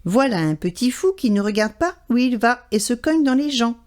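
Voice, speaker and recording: A playful little boy from a children's storybook, voiced by a woman reading aloud. He teases lightly and speaks with a slightly high voice. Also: animated, moderate pace, a little mellow, natural voice. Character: playful little boy carrying a hurt mouse.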